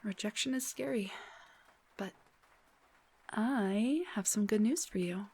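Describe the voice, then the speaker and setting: In an intimate roleplay audio drama, a woman plays a young rock singer who is playful and teasing. She speaks softly and breathily, often close to a whisper, in a husky medium-pitched voice with a teasing, tender mood.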